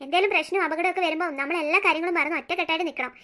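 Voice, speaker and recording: A steady middle-aged cartoon father reassures his family and lectures them in a quick, bright voice. A woman acts him out. He sounds even and unshaken. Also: extremely high pitch, voice pushed down. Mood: steady reassuring. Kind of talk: cartoon story voice acting.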